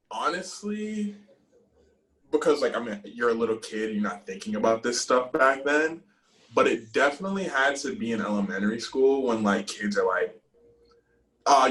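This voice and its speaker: A man's voice: medium pitch, a bit bright, poor audio. A man in his twenties talking casually and loosely, with lots of fillers, in a video call interview. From United States. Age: 20s.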